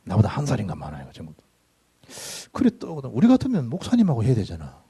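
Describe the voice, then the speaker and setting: A middle-aged man preaching a sermon, telling stories in an animated way with sudden loud bursts. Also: mid-range voice, quick pace, breathy edge. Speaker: pastor. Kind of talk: sermon with personal anecdotes. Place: church sanctuary.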